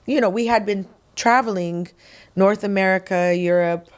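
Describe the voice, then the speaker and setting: A singer-songwriter from Quebec, Canada, appears as a guest in a casual interview, her medium-pitched voice clean and at normal speed. She tells animated stories, acting out quotes and laughing along the way.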